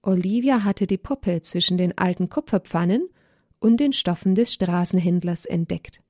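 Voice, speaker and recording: A woman reading a religious story to children in a gentle storytelling manner. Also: fairly low pitch, normal speed, no echo.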